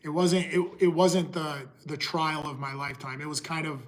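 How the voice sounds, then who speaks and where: A middle-aged man talking casually to his livestream viewers, pausing and restarting often. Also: on the high side, flat delivery. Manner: halting, restarts often, talks to chat. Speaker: livestream host.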